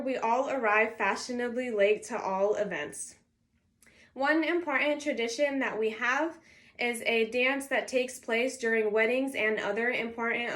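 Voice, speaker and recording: A college student of twenty-one delivers a prepared introductory speech to her class, following a clear, signposted structure. Raised in California, she learned Arabic first. Her voice is fairly high-pitched with a fairly bright tone.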